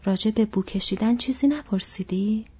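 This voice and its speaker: A woman voicing a cheerful, curious young male hobbit with a lively, prying manner, on a dull lo-fi recording. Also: medium pitch, husky.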